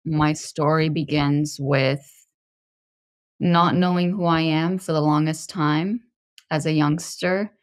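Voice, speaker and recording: A woman in her thirties from Lebanon, a podcast guest telling her personal story in a measured, introspective way. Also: deep voice, no room sound, studio quality. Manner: measured and introspective, pausing to find words.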